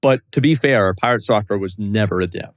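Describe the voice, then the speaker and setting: A man's voice: on the low side, fairly quick, dry recording. Laid-back swearing man, dry close mic. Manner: laid-back, swears a lot, many fillers. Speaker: podcast co-host. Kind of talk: casual chat.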